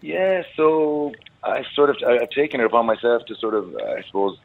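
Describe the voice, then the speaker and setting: A man's voice: medium pitch, lively intonation, a little fast, vocal fry. A man from Galway with a western Irish accent, chatting casually as an interview guest in a rambling, repetitive way. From Galway, Ireland. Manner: rambling, repeats phrases. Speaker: wedding singer and musician guest. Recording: narrow phone-like radio line, dry.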